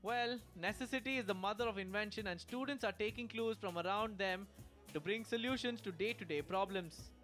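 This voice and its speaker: A man's voice: high voice, fairly quick, a bit bright, faint music behind. A man reading a scripted news voice-over in a punchy, upbeat way. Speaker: news reporter.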